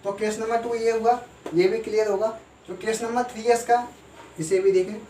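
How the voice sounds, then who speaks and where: A man teaching a grammar lesson, who explains slowly and asks and answers his own questions. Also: sits high, steady tone, dark tone. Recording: echoey room, voice from far off, faint noise.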